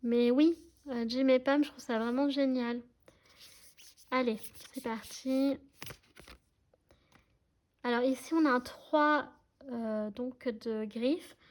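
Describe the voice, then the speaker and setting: A woman's voice: sits high, steady tone, takes it slowly, long pauses, a little mellow. A woman giving a casual tarot reading to her viewers, chatty and hesitant, often checking that they follow her. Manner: chatty, hesitant, many fillers, addresses viewers directly. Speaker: tarot card reader.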